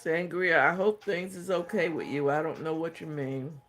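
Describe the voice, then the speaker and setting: A man's voice: on the high side, steady tone, moderate pace, fairly bright tone, soft background music. A man hosting a craft livestream, reading viewer comments aloud and answering them in a hesitant, thinking-aloud way.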